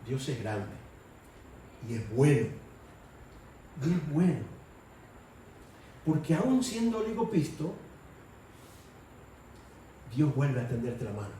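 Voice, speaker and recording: A man's voice: medium pitch, sing-song, slow, pauses often, warm tone, slight background noise. A man preaching a sermon in a conversational way, raising his voice to act out quotes. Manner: conversational, acts out quotes in a raised voice. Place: church hall. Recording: echoey hall, mic far off.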